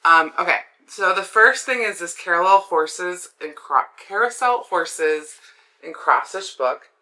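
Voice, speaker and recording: A woman's voice: fairly low pitch, expressive, unhurried, bright, forceful tone. A woman with a swollen throat affecting her voice, hosting a casual craft vlog in a chatty, rambling way with enthusiastic asides. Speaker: craft video host.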